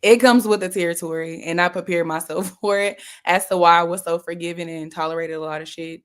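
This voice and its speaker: A woman's voice: on the low side, fairly even intonation, brisk, clean tone. A woman, talking candidly as an interview guest and laughing often. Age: 30s. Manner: giggly, candid. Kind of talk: casual interview.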